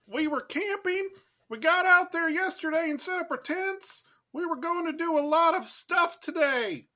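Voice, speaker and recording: A woman's voice: extremely high pitch, normal speed, sharp tone. A woman voicing an anxious male cat who tells a story in a rambling, teary way.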